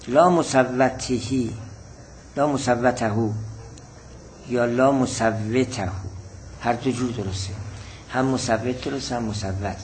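Male teacher, seminary lesson style, patient explainer who repeats key points, medium pitch, light background noise. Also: a little mellow, poor audio. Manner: patient, repeats definitions slowly. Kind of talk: seminary text lesson, reading and explaining Arabic.

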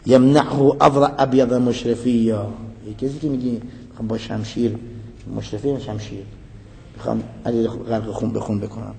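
A man's voice: on the low side, flat delivery, gravelly, dark tone. A male preacher giving a dramatic sermon, quoting verses and explaining them line by line. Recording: echoey hall, faint noise.

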